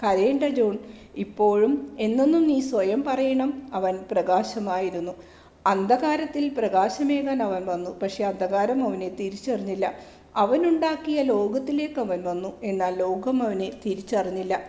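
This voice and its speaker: A woman reading a calm, patient teacher. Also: medium pitch, moderate pace, roomy sound, natural voice. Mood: consoling. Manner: gentle, reassuring.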